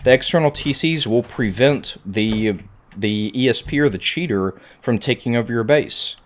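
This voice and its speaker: A man's voice: medium pitch, moderate pace. A man giving a casual, conversational video game tutorial, stressing his points with repetition. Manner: conversational, emphatic with repeated points. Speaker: gaming tutorial creator.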